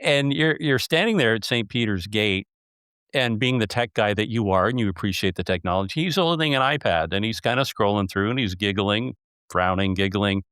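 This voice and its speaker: Low-voiced man, playful interviewer. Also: lively intonation, moderate pace, a bit bright, clean tone, dry recording, studio quality. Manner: playful, joking storyteller. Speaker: podcast host, interviewer. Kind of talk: conversational interview.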